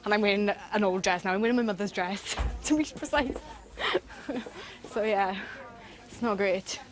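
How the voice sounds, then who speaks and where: A woman's voice: mid-range voice, measured pace. A young woman chatting in a matter-of-fact way in a casual documentary interview. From Wales. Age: young adult. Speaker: pageant contestant.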